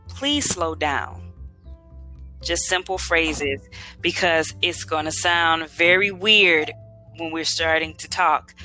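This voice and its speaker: A woman, a native English-speaking tutor, calmly giving learners simple phrases to use. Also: low-pitched.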